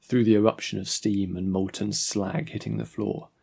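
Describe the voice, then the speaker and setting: Man, author-narrator, scripted audiobook narration, measured, husky voice. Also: lowish voice, little pitch movement, darkish tone.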